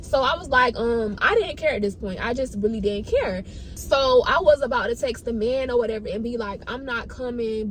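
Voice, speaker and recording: A fairly high-voiced woman tells her story in a casual, slangy way. She is animated and dramatic, repeating phrases to drive points home. Some noise runs behind her voice. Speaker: storytime vlogger. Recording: noticeable background noise.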